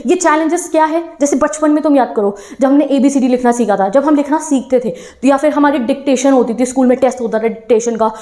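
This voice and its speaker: A young woman who teaches online gives exam students an encouraging talk, mixing Hindi and English phrases. Her voice is high and warm, and she speaks fast with hardly any pauses.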